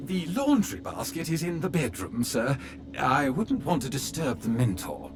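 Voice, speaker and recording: A man's voice: mid-range voice, big pitch swings, normal speed. An actor playing a polite, fussy male butler robot in a video game, who speaks formally and calls his master sir in the third person. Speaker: butler droid. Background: game music.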